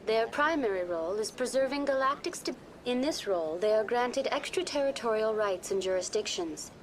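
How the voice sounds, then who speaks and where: A woman voicing a female AI tour guide in a video game, with a synthetic, overly smooth, machine-like voice and a polite, evenly scripted information-desk delivery. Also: on the high side, lively intonation, a little fast, slight background noise.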